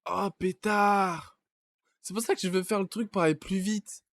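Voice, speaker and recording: A young man streams a game, chatting to himself in casual let's-play commentary with panicky yelps, shouts, and curses. His high-pitched voice is steady in tone, measured in pace, and creaky, recorded with no echo.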